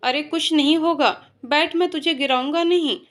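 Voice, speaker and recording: A woman's voice: high-pitched, steady tone, normal speed, natural voice. A woman voicing a playful young male office colleague who keeps teasing his coworker. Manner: joking, teasing.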